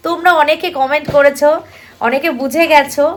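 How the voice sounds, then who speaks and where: A woman's voice: sits high, fairly even intonation, a little fast. A young woman, vlogging to her viewers in a casual, talkative way, with plenty of fillers. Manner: talkative, addresses viewers directly, many fillers. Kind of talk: casual chatty vlog to viewers.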